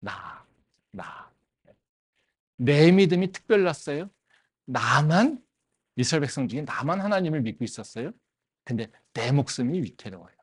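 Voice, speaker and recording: Animated Korean pastor preaching. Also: male voice, a little high, brisk, breathy edge. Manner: animated, with rhetorical questions and frequent affirming interjections. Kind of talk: sermon. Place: campus church service.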